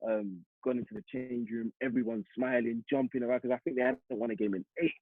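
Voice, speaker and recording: A young man from East London with a London accent, a football striker telling a lively story in a casual interview. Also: mid-range voice, fast, creaky, dry recording. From East London, England. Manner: animated, vivid retelling with acted-out quotes. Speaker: interview guest, semi-pro striker. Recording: muffled phone-like audio.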